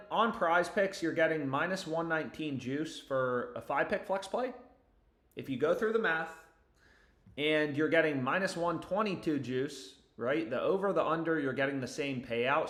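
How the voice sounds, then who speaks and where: A man's voice: on the high side, measured pace. A young man chatting casually as a livestream host, with sweary frat-bro slang. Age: young adult. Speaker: livestream host giving betting picks. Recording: roomy, echoey indoor sound.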